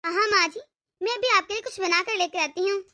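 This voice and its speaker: Woman doing a sly cartoon bahu, high bright voice, taunting and bossy. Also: a little fast. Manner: sharp, taunting, threatening. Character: cunning, scheming young daughter-in-law. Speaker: voice actor.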